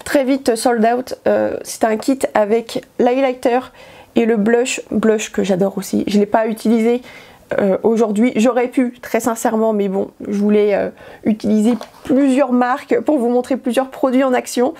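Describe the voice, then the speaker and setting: A woman's voice: fairly high pitch, steady tone, normal speed, vocal fry, warm tone. A woman chatting casually through a makeup tutorial, hesitant with many fillers. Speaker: beauty vlogger.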